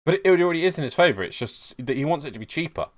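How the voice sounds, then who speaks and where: A man co-hosting a casual gaming podcast, talking in an animated, argumentative way and laughing often. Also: on the high side, racing. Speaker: podcast co-host.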